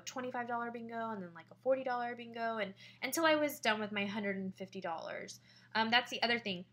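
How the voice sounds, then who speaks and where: Excitable chatty woman. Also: mid-range voice. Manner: excitable, chatty, full of fillers and quoted dialogue. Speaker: direct sales consultant sharing party tips. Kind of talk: casual vlog monologue.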